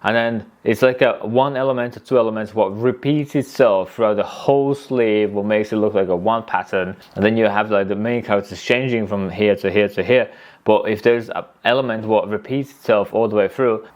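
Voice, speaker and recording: A man's voice: fairly low pitch, normal speed, darkish tone. A man teaching tattooing in a casual, rambling way, often restarting his sentences. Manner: rambling, restarts often, acts out client talk. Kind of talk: casual spoken lesson.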